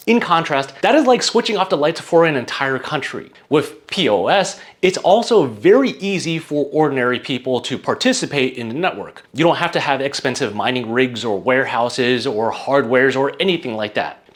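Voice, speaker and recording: A man narrating a scripted explainer as its presenter, laying things out simply, step by step, with emphatic phrasing. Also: medium pitch.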